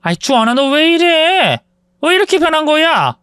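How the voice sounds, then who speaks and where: Male reader as a fussy worried mother, high and pleading. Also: very animated, moderate pace, bright, forceful tone, clear, resonant tone, no room sound, studio quality, exaggerated voice. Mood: fretful. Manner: pleading, fretful.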